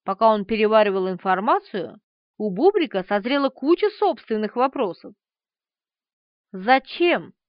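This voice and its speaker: Brief: expressive female audiobook narrator, very lively pitch, dry close sound. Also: moderate pace, no room sound. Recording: slightly dull, dry.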